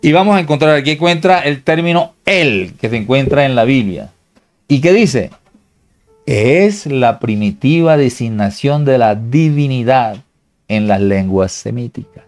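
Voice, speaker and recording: A man teaching a Bible lesson at church. He reads verses aloud, explains them slowly and asks the audience questions like "yes or no?". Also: mid-range voice, darkish tone.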